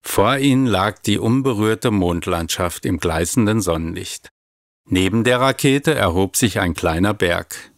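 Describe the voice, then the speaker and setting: A man calmly reading a children's story aloud. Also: lowish voice, unhurried, dry recording, studio quality. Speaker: narrator.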